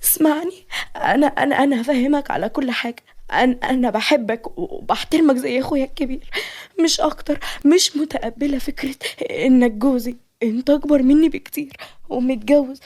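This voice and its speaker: A woman's voice: sits high, normal speed, warm tone, voice pushed up. A woman voicing a frightened young wife who stammers and pleads, in an Egyptian accent. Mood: pleading. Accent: Egyptian Arabic.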